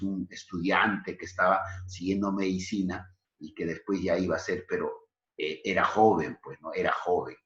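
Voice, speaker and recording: A man's voice: deep voice, fairly bright tone. A male teacher giving a literature lesson who explains the story and speaks directly to his students. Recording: echoey, dull lo-fi recording.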